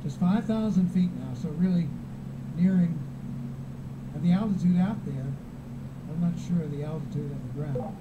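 A man's voice: on the high side, moderate pace, pauses often. A man giving live event commentary on a broadcast, replayed through computer speakers. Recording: muffled, noisy re-recording off computer speakers.

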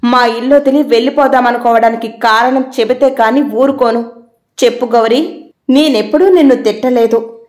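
A woman voicing a caring but quick-tempered housewife who scolds and questions sharply. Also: on the high side, darkish tone, echoey room, natural voice. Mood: scolding.

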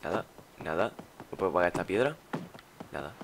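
A man's voice: low-pitched, lively intonation, a little fast, noisy background. A young man from Spain commenting on a game he is playing, chatty and exclaiming, muttering while he searches. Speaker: gaming YouTuber. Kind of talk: let's play commentary.

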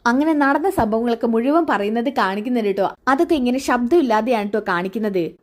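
A woman's voice: fairly high pitch, lively intonation, quick pace. A woman casually retelling a TV serial episode in a chatty storytelling style. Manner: chatty, adds tags like 'kettō' and 'ṭṭō'. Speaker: serial recap narrator.

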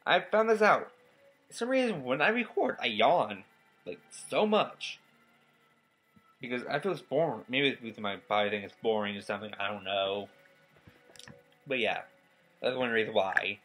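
A tired nineteen-year-old man rambles through a casual gaming vlog, his bright, forward voice stopping and restarting mid-thought. He yawns his way through it while a game soundtrack plays faintly underneath. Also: medium pitch, expressive, faint music behind, poor audio. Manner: rambling, halting, many restarts and fillers. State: tired and yawning. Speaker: gaming YouTuber.

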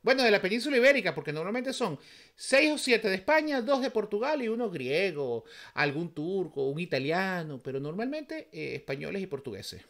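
A man's voice: high-pitched, sing-song, normal speed, gravelly, a bit bright. A man from Venezuela with a Venezuelan accent, giving casual, emphatic reaction commentary as a vlogger, full of rhetorical questions.

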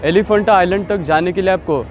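A man gives practical travel directions in a voice-over, pitched a little higher than most men. Faint music runs underneath. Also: fast. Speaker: travel vlogger. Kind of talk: scripted travel guide voice-over.

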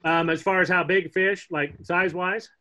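A middle-aged man teaching a casual online fly fishing class from home, chatty and relaxed, joking with the kids as he shows flies on a webcam. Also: high voice, normal speed. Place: home room, indoors. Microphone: laptop webcam on a video call. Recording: dull lo-fi video call audio.

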